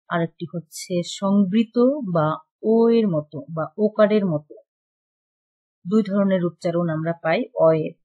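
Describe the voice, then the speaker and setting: A woman's voice: on the low side, mellow. A woman teacher giving an online lesson, explaining rules step by step and reading out lists of examples. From Bangladesh.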